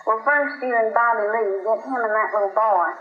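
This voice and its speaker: A woman reading as a calm convict. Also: a little high, close to an everyday voice. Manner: slow, measured, considered. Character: calm, soft-spoken male escaped convict. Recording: dull, roomy recording.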